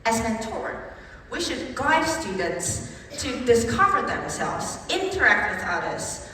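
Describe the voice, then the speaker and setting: A young woman from Taiwan with a Taiwanese accent, giving an animated competition speech in English with emphatic rhetorical rises. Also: fairly high pitch, slow, a little hiss or hum. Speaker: speech contestant. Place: large conference hall. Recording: echoey hall from far off, faint ambience.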